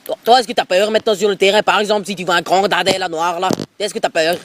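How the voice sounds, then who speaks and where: A man's voice: sits high, steady tone, fast, a bit bright, no echo. A man doing a brash Alsatian football coach. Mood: pushy. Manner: pushy, rambling, repeats filler tags. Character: brash bigoted middle-aged male football coach, pushy. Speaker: prank caller. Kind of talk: prank phone call. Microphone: phone held close to mouth.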